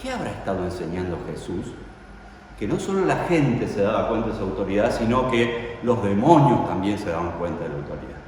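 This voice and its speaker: A preacher tells the story dramatically, his pitch swinging widely as he keeps asking his listeners questions. He stands well away from the mic in a church hall with heavy echo and a long reverb tail. A faint noise sits underneath. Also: sing-song, fairly quick, a little mellow. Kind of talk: sermon. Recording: echoey hall, voice from far off.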